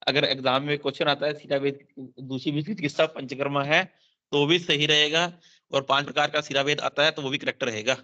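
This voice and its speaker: Male Ayurveda tutor, bright and forceful delivery, repeats terms and checks in constantly, slightly lo-fi recording. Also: medium pitch. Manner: explains Sanskrit verses line by line, repeats key terms; mixes in English terms, frequent "theek hai" check-ins. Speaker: Ayurveda teacher. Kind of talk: exam-focused lecture. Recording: dull lo-fi sound.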